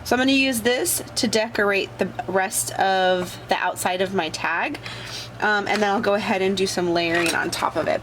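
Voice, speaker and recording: A woman who runs a crafting channel hosts a casual tutorial while suffering from a bad cold, chatting as she works and using lots of fillers. Her voice is mid-range, and there is background noise.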